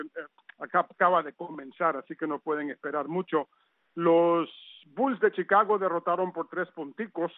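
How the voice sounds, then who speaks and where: A man's voice: a little high, no room sound. A man reading a radio sports news roundup in a conversational way, with chatty asides. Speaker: sports reporter. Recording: tinny phone-line sound.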